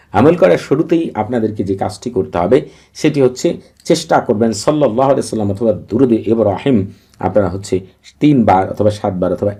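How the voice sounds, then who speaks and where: Guy with a husky mellow voice walking viewers thru a ritual step by step, repeats himself a lot. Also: lowish voice. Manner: repetitive, steady step-by-step instructions; recites long Arabic formulas in a chanting cadence. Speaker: Islamic ritual instructor. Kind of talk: instructional talk to viewers.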